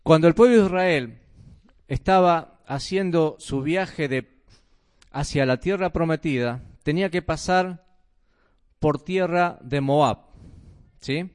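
A man's voice: on the high side, slow, pauses often, darkish tone. A man with a Rioplatense Spanish accent preaching a sermon in a conversational way, asking his listeners rhetorical questions.

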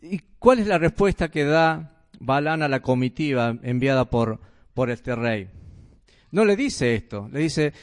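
A man's voice: mid-range voice, lively intonation, measured pace. A man with a Rioplatense Spanish accent preaching a sermon in a conversational way, asking his listeners rhetorical questions.

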